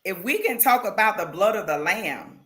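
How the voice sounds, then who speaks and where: Bright-voiced earnest woman guest. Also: mid-range voice, big pitch swings, normal speed. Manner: earnest and emphatic, with faith references. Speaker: guest, founder of a women's platform. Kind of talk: conversational interview.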